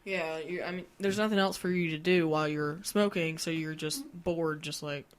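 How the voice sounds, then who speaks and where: A woman co-hosting a casual podcast, chiming in with quick reactions and frequent giggles, talking with a candy in her mouth. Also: low-pitched, fairly even intonation. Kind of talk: casual chat.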